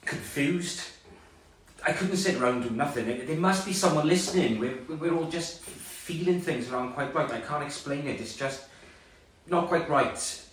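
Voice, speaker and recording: A man's voice: mid-range voice, a bit bright, close to an everyday voice. A man playing a frightened taxi driver pleading on a radio. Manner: halting, stammering, pleading. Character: frightened village taxi driver Glyn, a father radioing for help. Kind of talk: audio drama acting. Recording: echoey, distant, faint noise.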